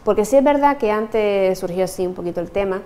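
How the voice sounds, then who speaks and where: A woman's voice: medium pitch, lively intonation, a little fast, warm tone. A young adult woman teacher, explaining her views in an interview and laughing often. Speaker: German teacher.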